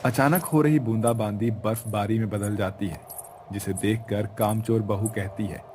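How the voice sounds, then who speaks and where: Deep, mellow male storybook narrator. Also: fairly even intonation, slight background noise. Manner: measured, storytelling.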